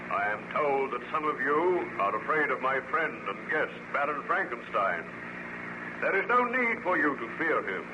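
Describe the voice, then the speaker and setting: A commanding, loyal ship's captain played by a male radio actor, speaking with formal authority at a middling pitch. The old radio serial recording is clearly noisy. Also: very animated, normal speed, natural voice. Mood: stern, commanding. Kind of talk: old-time radio drama acting.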